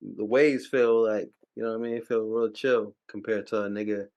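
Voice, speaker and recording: A man's voice: lowish voice, steady tone, normal speed, a little mellow, muffled recording. Man, casual chat, slangy banter, laid-back. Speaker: podcast co-host.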